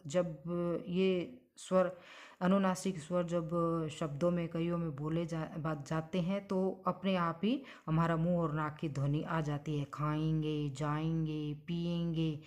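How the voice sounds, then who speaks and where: A woman's voice: lowish voice, fairly even intonation, unhurried, darkish tone. A woman teaching Hindi grammar, spelling out sounds one at a time and stretching each example word. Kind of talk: slow explanatory grammar lesson.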